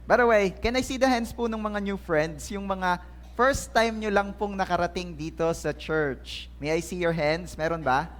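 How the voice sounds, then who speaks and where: During a church service in a church hall, a man preaches a lively sermon, playfully joking with his congregation, who laugh and respond faintly in the background. As pastor, he speaks at a moderate pace in a high-pitched, slightly bright voice.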